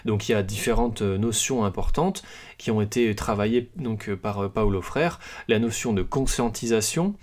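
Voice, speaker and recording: A hesitant French-speaking man hosts a podcast presenting a book in a casual spoken style, full of fillers and restarts, with self-deprecating humor. His voice is lowish and darkish in tone, at a moderate pace.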